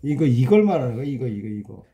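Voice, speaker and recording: Dark-voiced male teacher sounding words out. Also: medium pitch, big pitch swings. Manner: talkative, sounds words out slowly and repeats them, asks rhetorical questions. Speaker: Korean language teacher. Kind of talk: casual exam walkthrough lesson.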